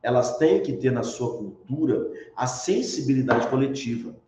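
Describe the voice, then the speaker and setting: A man lectures online for a university course in a Brazilian Portuguese accent, his mid-range, darkish voice expressive and at normal speed. His style is explanatory, full of self-answered rhetorical questions and frequent tag questions. Echo from the room and dull lo-fi audio mark the recording.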